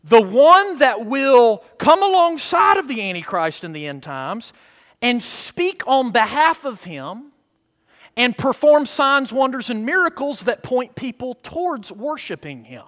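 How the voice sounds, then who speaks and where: A man preaching a sermon like a TV preacher, emphatic, moving between hushed asides and loud declarations and checking in with his congregation. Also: very high voice, sing-song, unhurried. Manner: seeks affirmation from congregation with short questions. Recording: long hall reverb.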